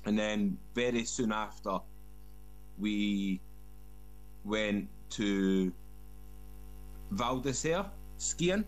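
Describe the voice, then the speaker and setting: A man's voice: fairly low pitch, very slow, pauses often, faint music behind, poor audio. A man from Scotland with a broad Scottish accent, telling casual anecdotes as a guest and often repeating words. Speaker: guest, former soldier.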